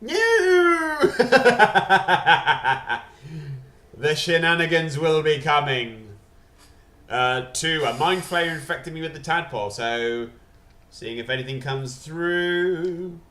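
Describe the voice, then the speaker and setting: On a gaming livestream, a male streamer chats and jokes casually in a bright, slightly high voice. He talks a little slowly, taking his time with each line, and his desk microphone catches a roomy echo.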